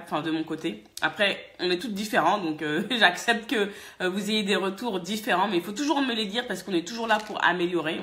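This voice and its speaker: A French woman vlogger from France, telling a casual, chatty story and laughing often. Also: medium pitch. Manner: lively, chatty, laughs often, many fillers. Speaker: vlogger and hair-care business owner.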